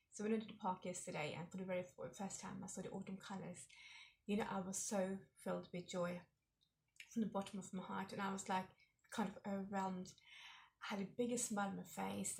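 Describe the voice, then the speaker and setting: A woman's voice: medium pitch, vocal fry, a little hiss or hum. A woman in her forties hosting her own vlog, telling personal stories in a reflective, chatty way with lots of fillers. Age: 40s. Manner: reflective, warm storytelling with frequent fillers. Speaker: vlog host.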